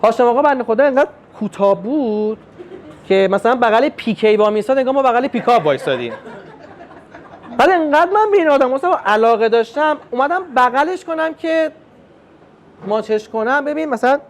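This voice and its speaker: A young man performing a stand-up comedy routine, telling family stories and acting out the dialogue in an animated way. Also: extremely high pitch. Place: comedy club stage with live audience.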